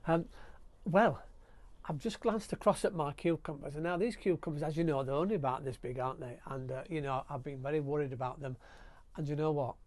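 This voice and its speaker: A middle-aged Yorkshire man talks straight to the camera outdoors on his allotment, friendly and easily excited. His voice sits a little high for a man, and a clip-on mic keeps it close. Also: brisk, no room sound. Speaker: allotment vlogger. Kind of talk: casual gardening vlog. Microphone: clip-on mic with lead.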